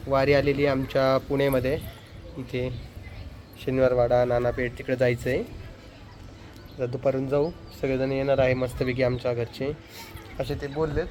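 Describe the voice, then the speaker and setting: A man's voice: mid-range voice, darkish tone, a little hiss or hum. A young man with a Marathi accent chatting casually to camera in a family vlog, sometimes scolding his family. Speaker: family vlogger.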